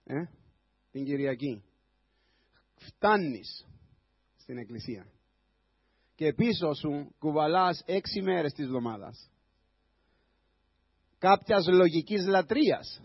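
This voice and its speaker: A man pastor giving a sermon, building to loud, impassioned preaching. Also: on the high side, lively intonation, long pauses, breathy edge, no echo, muffled recording. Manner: preaching with a rising voice, shouting at times.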